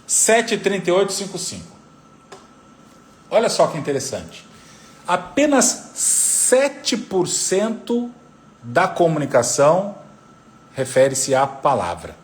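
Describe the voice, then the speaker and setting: A man, a psychoanalyst, giving a live talk on parenting, teaching by repeating the key figures. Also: on the high side. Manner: didactic, repeats figures, lively intonation.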